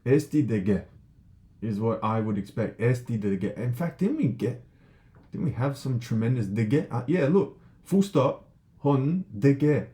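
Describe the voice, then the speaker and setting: A man teaching a lesson in a casual, chatty way, thinking aloud with lots of fillers and checking in with "right?", and reading passages slowly and carefully. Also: medium pitch, animated, dark tone.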